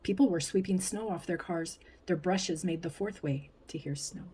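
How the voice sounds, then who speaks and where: A woman reading a picture book aloud in an expressive way, whispering and playing up the sound words. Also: on the low side, normal speed, a little hiss or hum. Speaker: storybook reader.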